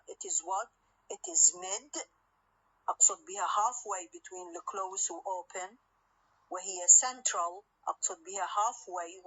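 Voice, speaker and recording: Woman lecturer with an Iraqi accent, slow and deliberate, bright tone, on a dull recording. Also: mid-range voice, breathy edge. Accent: Iraqi Arabic. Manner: repeats examples slowly and checks with "okay?". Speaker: university lecturer. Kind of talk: classroom lecture.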